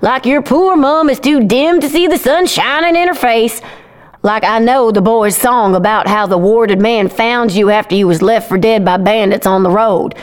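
An actress playing a blunt, sharp-tongued, mocking middle-aged village mother in a fantasy audio drama. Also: on the high side, moderate pace, lightly acted. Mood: scornful.

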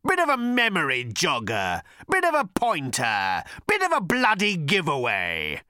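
A man voicing a vengeful, hate-filled male creature who rasps, hisses and bellows. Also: huge pitch swings, a little slow, bright, forceful tone, no room sound, studio quality, exaggerated voice. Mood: ranting. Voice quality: rasping, hissing, bellowing. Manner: menacing rumble rising to shrieks. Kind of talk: audiobook character voice.

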